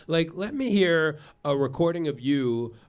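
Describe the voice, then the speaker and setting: A man from Egypt doing a stand-up comedy set, telling stories in an animated way. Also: on the high side, unhurried, smooth. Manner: animated storytelling with laughter breaks. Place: live comedy stage before an audience. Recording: live show with crowd laughter. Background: audience laughter.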